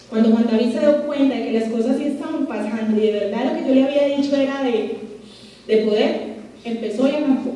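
A woman with a high voice delivers an emphatic motivational speech to a live audience, firing rhetorical questions at them. Her voice comes from some distance from the mic and rings around a very echoey hall. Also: darkish tone. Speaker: speaker at a business opportunity meeting. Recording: roomy echoing hall, voice from far off.

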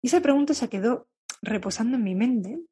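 A woman with a Spanish accent from Spain, a therapist calmly telling viewers her own story in a candid, confiding monologue. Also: on the high side, fairly quick, husky. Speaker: therapist who treats eating issues. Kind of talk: personal reflective monologue to viewers.

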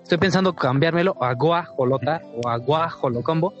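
Slangy Mexico City–sounding man, slightly high. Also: fairly quick, dull audio, faint music behind. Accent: Mexico City Spanish. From Michoacán, Mexico. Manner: slangy, laid-back. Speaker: podcast co-host. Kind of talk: casual gaming chat.

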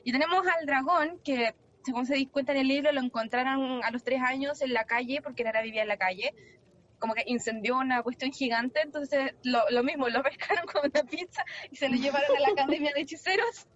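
Chatty high-voiced woman. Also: brisk, fairly bright tone. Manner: chatty, laughs often, trails off and restarts. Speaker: podcast co-host. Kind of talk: casual book discussion. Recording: muffled lo-fi with faint noise.

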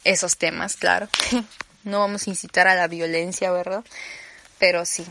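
A woman's voice: fairly low pitch, little pitch movement, moderate pace, vocal fry, fairly bright tone. A young woman from Campeche with a Mexican accent, hosting a casual solo podcast, chatty and rambling with playful asides. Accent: Mexican Spanish, Campeche. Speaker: podcast host.

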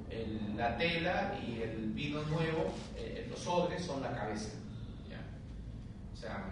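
A man, a friar, teaching a theology class, reading scripture aloud and explaining it in a lively, conversational way while he questions his students. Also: mid-range voice. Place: lecture room. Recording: very echoey room, far from mic, faint hiss.

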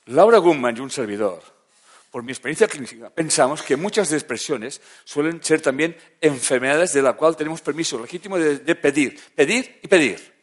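Guy lecturing a crowd like a therapist, chatty, keeps asking if they follow, goes quiet then loud. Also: lively intonation, normal speed. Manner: conversational, checks in with the audience; swings from soft and low to loud emphatic bursts. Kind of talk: lecture to a live audience.

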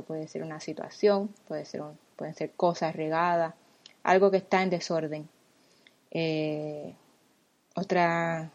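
A woman's voice: low-pitched, darkish tone, lo-fi sound. A woman from Puerto Rico with a Puerto Rican accent, explaining everyday words with examples in a casual, friendly talk. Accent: Puerto Rican Spanish. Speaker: language blogger guest.

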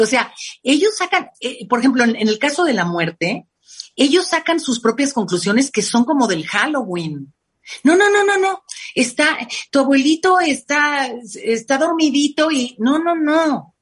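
Mexican woman, husky and fairly high-pitched, lively expert guest acting out what parents say. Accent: Mexican Spanish. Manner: animated, acts out quoted parents in lively voices. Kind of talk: conversational interview.

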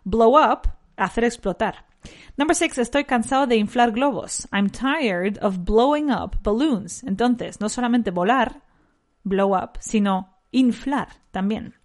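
A woman with a nasal, fairly high voice teaches a bilingual English lesson, switching between English and Spanish. She repeats each sentence slowly.

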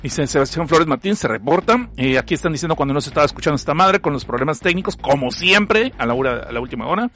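A northern Mexican man hosts a livestream in a casual, joking way, reading chat messages aloud with plenty of slang. His voice sits fairly high for a man. A lingering cough stays with him throughout. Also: animated, quick pace, hardly any pauses, a bit bright, faint music behind. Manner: joking, slangy, laughs often. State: has a cough. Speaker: livestream host.

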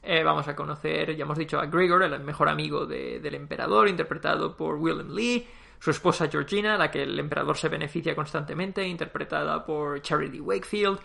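A man reviews a TV series in a loose, chatty way and leans into sarcasm. His voice sits fairly high with a gravelly texture and a bright, forceful tone. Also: a little fast. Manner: lively, sarcastic, chatty with fillers. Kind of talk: casual spoken review.

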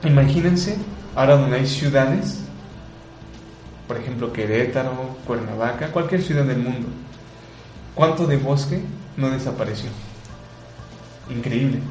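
A man's voice: mid-range voice, a little mellow, roomy sound, poor audio. A man giving earnest commentary, asking rhetorical questions and repeating words for emphasis. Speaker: radio host. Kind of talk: reflective commentary on environmental issues.

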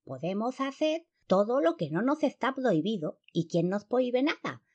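A woman voicing giddy, mocking clown-like moth creatures in shrill, high shouts. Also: sing-song, moderate pace, muffled recording. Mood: gleeful.

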